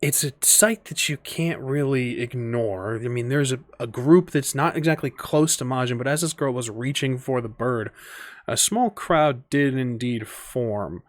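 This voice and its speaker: A man's voice: medium pitch, a little slow, dry recording. A man narrating as game master of a tabletop game, loose and thinking aloud with many fillers.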